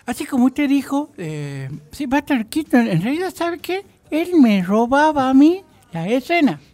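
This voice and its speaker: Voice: high voice, big pitch swings, a little slow, a little mellow. A performer voicing a boastful, forgetful, very old Hollywood stunt double in a comic radio sketch, with a Catamarca Argentine accent, rambling and indignant. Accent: Argentine, Catamarca tonada. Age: very old, played.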